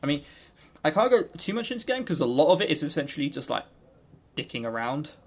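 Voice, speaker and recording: Here a male co-host talks very animatedly and fast in a slightly rough, a little high voice. The podcast is a loose, unscripted visual novel review chat, full of rambling jokes and some swearing.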